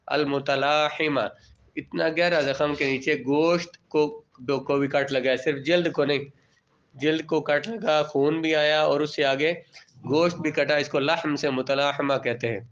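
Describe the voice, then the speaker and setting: Higher-voiced man teaching, dull recording. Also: fairly even intonation. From Pakistan. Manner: reads Arabic terms, then explains each in plain everyday words; asks the class questions and answers them himself. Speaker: religious studies teacher. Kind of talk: classroom lecture explaining a text.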